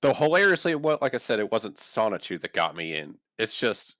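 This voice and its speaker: A man leading a casual group chat in a halting, rambling way. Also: fairly low pitch, big pitch swings, fairly bright tone, dry recording, studio quality. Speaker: leads the group conversation.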